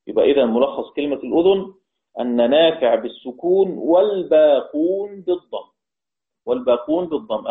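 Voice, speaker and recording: Over tinny, phone-like online call audio, a medium-pitched man with an Egyptian Arabic accent teaches a lesson on Quran readings. He explains patiently, quizzes his class, and chants quoted verses slowly.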